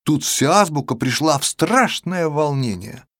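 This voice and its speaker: Man reading a kids poem out loud, slow and bouncy, fairly high voice, dry close mic. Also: no echo. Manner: expressive, sing-song storytelling. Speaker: narrator. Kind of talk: children's verse reading.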